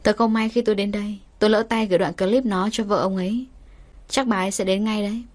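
A woman voicing a composed young man who speaks calmly with quiet menace. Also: mid-range voice, fast talker, lightly acted. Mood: calm menacing. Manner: calm, even, quietly threatening.

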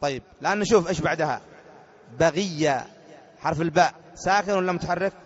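Sheikh teaching grammar, kinda high voice, keeps asking the class stuff, muffled lo-fi recording. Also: male voice, fast talker. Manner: repeats points and quizzes students with short questions. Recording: dull lo-fi lecture recording.

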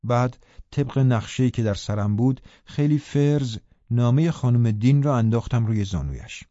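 A man reading a novel aloud as an audiobook narrator, telling the story in a calm, even way. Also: medium pitch, no echo, lo-fi sound. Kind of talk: scripted narration.

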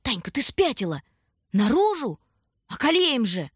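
A woman's voice: on the high side, measured pace, breathy edge, no echo, clean studio sound, voice pushed up, exaggerated voice. A woman doing an agitated young boy. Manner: excited, protesting. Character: Shurka, frightened agitated boy.

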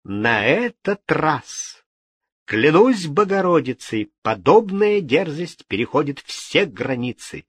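A man's voice: fairly high pitch, sing-song, slow pace, fairly bright tone, breathy edge, no room sound, voice pushed up, heavily acted. A man voicing an imperious older queen mother, indignant and commanding. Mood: furious.

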